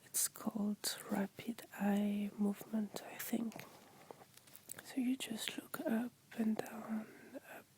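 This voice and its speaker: A woman with a French accent in whispered ASMR talk, gently explaining things in simple words. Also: medium pitch, flat delivery, slow, slight background noise.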